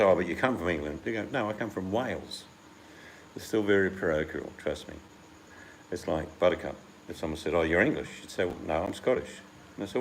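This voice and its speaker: A man's voice: low-pitched, creaky, a little hiss or hum, rough recording. A man from the United Kingdom chatting casually and rambling as host, acting out the voices he quotes. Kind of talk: casual chat.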